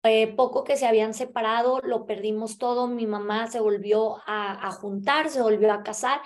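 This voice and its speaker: A young woman with a Mexican Spanish accent tells her personal story straight to a camera in a small indoor room. Her voice sits a little high, and she talks in an animated way. She keeps checking in with her listeners as she goes. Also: moderate pace. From US-Mexico border (El Paso, Texas). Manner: animated, gesturing with both hands, many filler tags like "¿verdad?". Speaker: motivational speaker.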